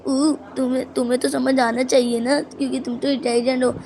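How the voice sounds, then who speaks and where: A bratty, boastful little cartoon boy, played by a woman in a gameplay dub. He pitches his voice high and stretches a teasing "ooh" at the start of his lines, always sure of himself. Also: little pitch movement, a little fast, mellow, a little hiss or hum. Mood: cocky. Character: cheeky cocky little cartoon boy, jokester. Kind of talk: voicing cartoon characters over gameplay.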